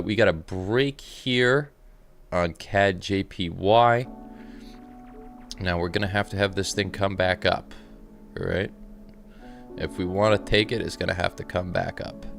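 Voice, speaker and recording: A man hosting a live trading stream, talking in a calm, soft, relaxed radio-DJ manner and sounding a little tired. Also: fairly low pitch, a little slow, gravelly, faint music behind. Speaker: trading livestream host. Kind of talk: live market commentary reading chat.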